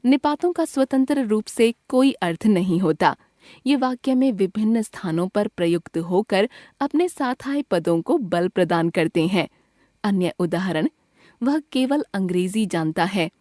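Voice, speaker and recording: A woman reads a school grammar lesson aloud from a script, going slowly and deliberately through lists of words with pauses between them. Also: mid-range voice, expressive, dark tone, no echo, clean studio sound. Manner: slow, deliberate list reading with pauses. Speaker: textbook narrator.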